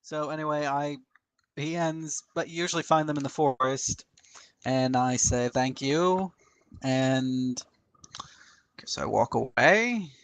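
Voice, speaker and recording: A man playing in a tabletop game, calmly describing what his character does. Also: a little high, takes it slowly, pauses often, clean tone, low-quality recording. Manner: matter-of-fact, describes his character's actions. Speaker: player. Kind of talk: casual tabletop game chat.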